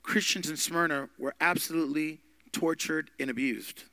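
Emphatic, bright-voiced male Bible teacher. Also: a little high, moderate pace, no room sound. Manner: emphatic, with big swings in loudness. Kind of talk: podcast Bible study teaching.

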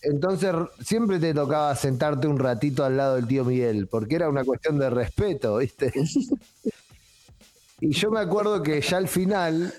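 Casting: Argentine male co-host, slightly higher voice, loose anecdotal chatter that keeps dissolving into laughs. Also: moderate pace, a little mellow, faint music behind. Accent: Argentine Rioplatense. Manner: rambling, anecdotal, often breaks into laughter. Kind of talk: casual comedic storytelling.

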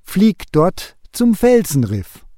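A man voicing a kindly, gently amused Lord God in a Christmas storybook reading, patient and unhurried. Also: high voice, very animated, no echo, studio quality, voice pushed up, exaggerated voice.

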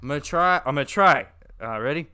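A man's voice: a little high, expressive, quick pace, pushed and bright, clear, resonant tone, no room sound, clean studio sound. A man co-hosting a podcast in casual chat, easygoing, who says his th sounds as f or v. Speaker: podcast co-host.

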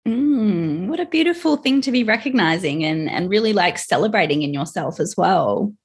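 A woman's voice: medium pitch, animated, normal speed, husky. A woman hosting a podcast, affirming and encouraging as she chats with her guest. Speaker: podcast host. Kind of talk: casual interview chat.

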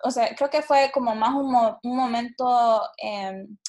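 A woman's voice: fairly high pitch, a little slow, a little mellow. A woman in her late twenties from Honduras, answering interview questions reflectively, with many fillers and restarts. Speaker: guest, startup CEO.

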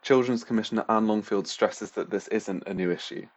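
A man's voice: fairly low pitch, a little fast. A man reading a scripted radio news report. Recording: slightly dull, lo-fi audio.

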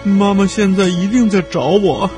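A man's voice: high-pitched, moderate pace, darkish tone, soft background music, voice pushed up, natural voice. A man voicing a timid little boy reindeer calf in a children's story, stammering shyly and sounding unsure. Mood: tearful.

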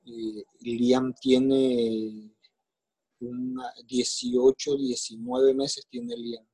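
A man's voice: mid-range voice, expressive, extremely slow, creaky, dark tone, husky. A middle-aged man with a Colombian accent tells his life story in an interview, emotional and plainspoken, with coarse slang and repeated phrases. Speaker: interview guest. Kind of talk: personal life story in casual conversation.

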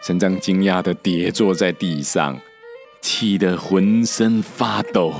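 A man narrating a storybook for children in a slow, deliberate telling. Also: low-pitched, fairly even intonation, vocal fry, soft background music.

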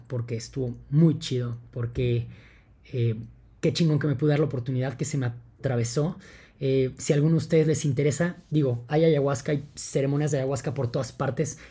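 A young man with a Mexican accent, talking casually to his podcast listeners in an excited, rambling way with lots of fillers. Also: mid-range voice, breathy edge. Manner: enthusiastic, rambling, many fillers like "entonces" and "o sea". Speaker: podcast host.

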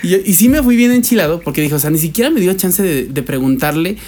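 A man with a Mexican Spanish accent co-hosting a casual podcast chat, telling stories and acting out quotes in exaggerated voices. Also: fast. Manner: animated storyteller, acts out quotes in high voices. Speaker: podcast co-host.

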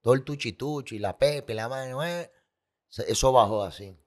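A man's voice: mid-range voice, moderate pace. A man telling his personal story as a guest, candid and emotional, with vivid sound effects and repetition.

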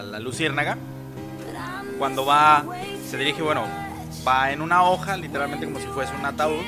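A man with a Mexican accent telling stories in a casual chat, full of slang and swearing. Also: fairly high pitch. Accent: Mexican Spanish. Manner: animated storytelling, heavy slang and swearing. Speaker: podcast co-host. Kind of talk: casual chat among friends.

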